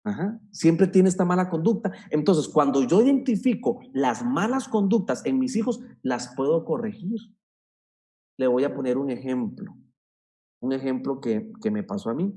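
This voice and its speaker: A man's voice: mid-range voice, lively intonation, moderate pace, mellow. A man giving an earnest teaching talk to parents, stressing points and repeating them. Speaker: speaker on parenting.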